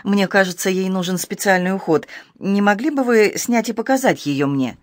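A man playing a shrewd male magistrate who questions in a cool, measured way. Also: sits high, no room sound, studio quality, close to an everyday voice. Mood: probing. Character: shrewd male magistrate, calm, cold and probing.

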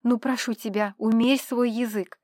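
A woman voicing a tipsy, chattering male count who rambles excitedly and pleads with his friends. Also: on the high side, normal speed, no room sound, studio quality, lightly acted. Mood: pleading.

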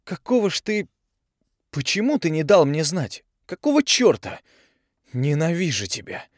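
A man reading an audiobook and voicing a furious, tearful young woman who yells and nearly shrieks. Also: animated, normal speed, dry recording, studio quality. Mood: anguished. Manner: shrill, yelling, near tears.

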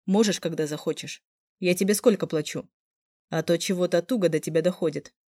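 A woman's voice: fairly low pitch, a little fast, dark tone, no room sound, studio quality, natural voice. A woman reading the part of a blunt, bossy young man, curt and demanding. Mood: blunt, grumpy.

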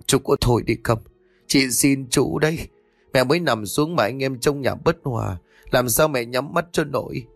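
A man's voice: medium pitch, normal speed, no room sound, faint music behind, close to an everyday voice. A man voicing a deceitful daughter-in-law who pleads in a choked, wailing voice.

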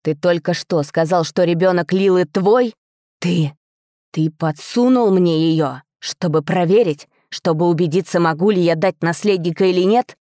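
Brief: a betrayed dragon prince shouting in raw fury, read by a woman, low and dark, close dry sound. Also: steady tone, moderate pace, dry recording, lightly acted. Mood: furious.

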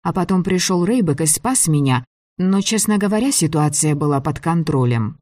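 A man voicing a stubborn, quick-tempered young woman who studies magic, in an audiobook read with a dry sound. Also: a little high, animated, darkish tone, no room sound, lightly acted. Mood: flustered.

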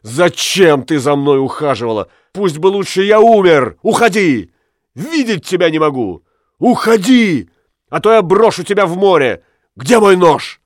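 A man reading aloud voices a heartbroken jealous husband in a storybook, shouting and ranting. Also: sits high, sing-song, unhurried, no room sound, clean studio sound, voice pushed up. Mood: furious.

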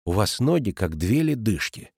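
A man's voice: fairly low pitch, very animated, moderate pace, a little mellow, breathy edge, no echo, studio quality. A man voicing a bold, teasing teenage girl who talks in a cheeky, colloquial way.

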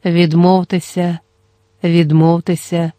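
A reader voicing a stern male sorcerer who speaks slowly in a low, monotonous, insistent way. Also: no room sound, studio quality, lightly acted. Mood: monotone. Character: stern male sorcerer servant, calm and commanding.

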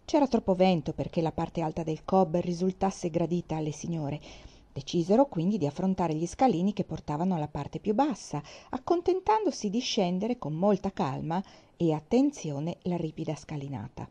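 Mellow-voiced woman reading a classic novel. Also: fairly low pitch, breathy edge. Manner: measured, expressive reading. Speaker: audiobook reader. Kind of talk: scripted narration of a classic novel. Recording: dull lo-fi recording.

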